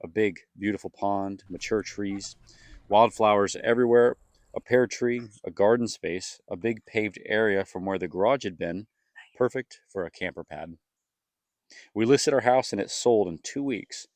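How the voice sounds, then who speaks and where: A man's voice: lowish voice, normal speed, darkish tone, no echo. A young man reading a scripted vlog voice-over as an earnest storyteller. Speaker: family vlogger, co-host.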